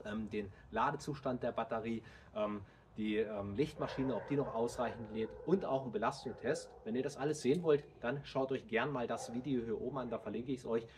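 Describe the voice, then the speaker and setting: A man in his thirties hosting a how-to video, explaining to viewers in a steady, direct way while standing outdoors in a driveway by a car. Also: mid-range voice, a little hiss or hum. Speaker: DIY car channel host.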